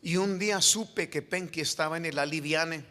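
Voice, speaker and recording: A man, a pastor telling a story in his sermon that builds to shouted preaching. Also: fairly high pitch, normal speed. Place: church sanctuary. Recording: echoey hall reverb.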